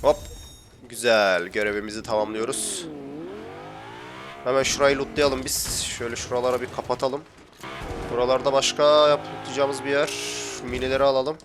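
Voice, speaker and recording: Over music, a young gaming YouTuber commentates his gameplay at normal speed in a mid-range, steady voice. He's chatty but grumbles a lot, getting worked up and telling viewers he's getting annoyed.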